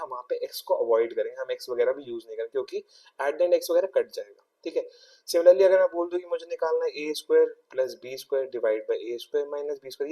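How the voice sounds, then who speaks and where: A man's voice: mid-range voice, dark tone, distant mic. A young Indian man teaching a maths exam-prep lesson, explaining step by step and often checking in with his students.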